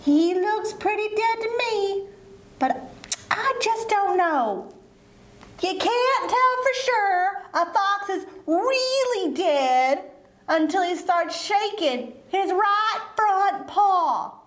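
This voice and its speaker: Woman as very high-pitched Brer Rabbit puppet. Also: lively intonation, slow, roomy sound, heavily acted. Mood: wary. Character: wary, clever, cheeky male rabbit puppet. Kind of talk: children's puppet show acting.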